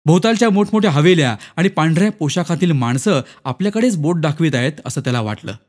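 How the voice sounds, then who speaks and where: A man narrating a short story in an expressive, dramatic reading. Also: on the high side, fast. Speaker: story reader. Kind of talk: scripted narration.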